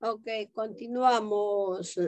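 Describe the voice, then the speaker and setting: A woman's voice: medium pitch, fairly even intonation, extremely slow, a little mellow, no echo. A woman teaching English to young children in an online class, patiently repeating herself and asking if they understand. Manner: patient, repetitive, checks understanding with questions; calls children pet names. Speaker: primary school English teacher.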